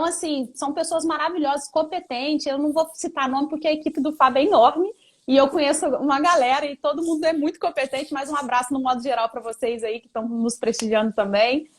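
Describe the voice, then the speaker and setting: High-voiced woman hosting a live chat. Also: fairly even intonation, fast talker. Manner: chatty, warm toward her guest, frequent "né" and "sabe". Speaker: live-stream host. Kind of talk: casual live-stream interview.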